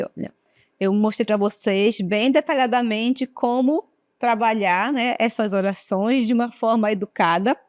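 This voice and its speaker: A woman from Brazil teaching an English lesson, slow and patient, often checking in with her students. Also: fairly high pitch, dry recording. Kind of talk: classroom lesson.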